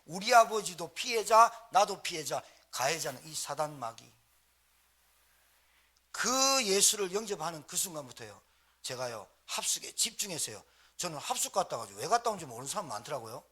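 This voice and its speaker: Man, pastor, bright husky voice, rhetorical questions. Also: on the high side, normal speed. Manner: animated, fires rhetorical questions at the congregation. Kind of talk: storytelling sermon. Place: church sanctuary.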